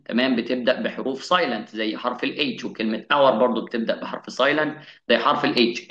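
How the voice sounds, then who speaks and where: A man with an Egyptian Arabic accent gives a classroom-style English grammar lesson. He poses questions to his students and answers them himself, slowing down to sound out each English example. His voice rings in an echoey room and sounds slightly dull and muffled. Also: medium pitch, fairly bright tone. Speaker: English teacher.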